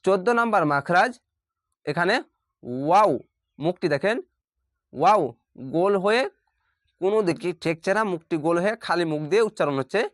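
A teacher giving a careful pronunciation lesson, explaining where each sound is formed and repeating it aloud slowly. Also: medium pitch, no room sound, studio quality. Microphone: facing the camera.

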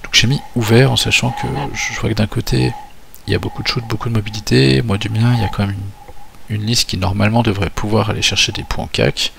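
A man's voice: on the low side, fairly even intonation, quick pace, vocal fry, background noise. A man walking through his tabletop army list for a battle report, talking hesitantly with many fillers and restarts. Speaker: tabletop wargame player.

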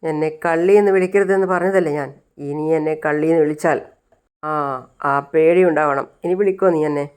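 A woman's voice: sits low, fairly even intonation, a little fast, clear, resonant tone, lightly acted. Woman doing a sly, bossy intruder. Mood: stern. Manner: stern and hushing, commanding.

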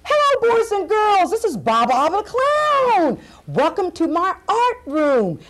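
Sing-song clown craft teacher, woman, high voice. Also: wildly swooping pitch, measured pace, a bit bright, exaggerated voice. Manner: sing-song, coaxing, addressing children. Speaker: arts and crafts host. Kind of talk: children's TV craft lesson.

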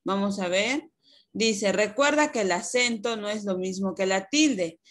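A woman's voice: medium pitch, measured pace. A woman primary school teacher giving an online lesson over a video call, explaining patiently and asking rhetorical questions.

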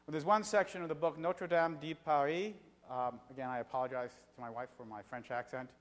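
A middle-aged man giving an evening lecture in a conversational way, pausing often on filler sounds. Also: medium pitch, lively intonation, fairly bright tone. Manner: conversational, frequent filler pauses. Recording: reverberant hall.

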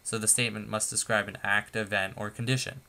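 A man presenting a tutorial lecture, explaining points in a steady, methodical way with a few fillers. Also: fairly low pitch, fast, creaky. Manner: steady, methodical, stepping through numbered points with occasional fillers.

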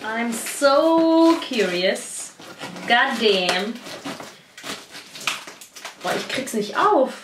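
A young woman vlogging an unboxing in a gushing, excitable way. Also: fairly high pitch, extremely slow, long pauses. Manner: gushing, excitable, squeals and laughs over gifts. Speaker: beauty vlogger. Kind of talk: casual unboxing vlog. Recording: echoey room, faint noise.

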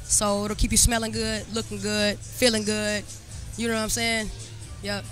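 This twenty-something Detroit barber, an interview guest at a barber competition event, talks about her hair products through a handheld mic with upbeat, confident slang. Her mid-range voice has a flat delivery at a moderate pace and sounds a bit bright, while faint music plays behind her.

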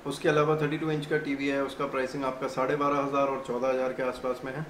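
A middle-aged shop owner explains products in a steady, businesslike way, his pitch barely moving. The room echo is clear around him. Faint ambience hangs behind his voice. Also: fast, slight background noise. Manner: steady, businesslike, with English terms and hesitation fillers. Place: small indoor shop office.

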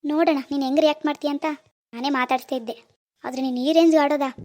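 A woman's voice: sits high, fairly even intonation, racing, a little mellow, close to an everyday voice. A woman voicing a stern young husband in a cartoon, speaking in a firm, scolding manner. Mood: soothing.

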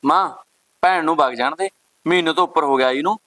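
A man's voice: a little high, a little fast, a bit bright, no echo, close to an everyday voice. Man playing a firm, protective brother. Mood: gentle. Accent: Indian Punjabi. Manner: firm, scolding. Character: protective brother, angry at his wife. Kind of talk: village family short film acting.

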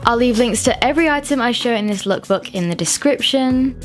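A woman's voice: fairly high pitch, animated, a little fast. A woman in her twenties, a fashion vlogger giving friendly, upbeat voice-over tips on outfits. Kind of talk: scripted lookbook voice-over. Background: faint music.

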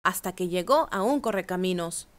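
A woman reading a children's picture book aloud with expressive, animated storytelling. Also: lowish voice, normal speed.

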